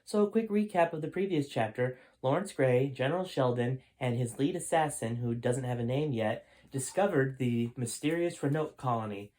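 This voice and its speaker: A man hosts a storytime reading of his own book, narrating informally with character voices and stopping to correct them. His mid-range voice has a darkish tone, moves at normal speed with hardly any pauses, and the recording quality is low.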